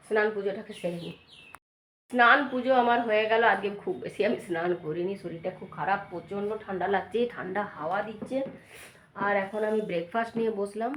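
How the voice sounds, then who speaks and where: Hoarse and stuffy from a cold, a woman vlogger chats through a casual daily vlog at home indoors, switching to a high, coaxing voice when she talks to her dog. The room is echoey, with faint ambient noise in the background.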